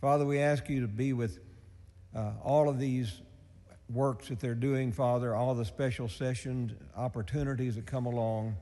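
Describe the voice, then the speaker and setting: A man's voice: medium pitch, fairly even intonation, normal speed, dark tone. A man serving as chaplain, giving an earnest opening prayer that keeps addressing Father. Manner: repetitive earnest invocation, often addressing Father. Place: legislative chamber. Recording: long reverb of a large hall.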